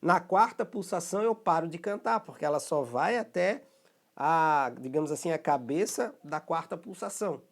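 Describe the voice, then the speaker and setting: A man with a Brazilian Portuguese accent, speaking in a fairly high voice as he teaches a recorded music rhythm lesson. He explains each step patiently and often pauses to check that his students follow along. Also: expressive, vocal fry.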